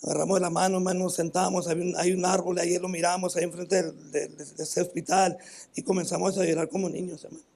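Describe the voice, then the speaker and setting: High, gravelly northern Mexican pastor. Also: male voice, little pitch movement, a little mellow. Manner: repeats "hermano" often, halting restarts. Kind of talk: sermon with personal testimony. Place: church.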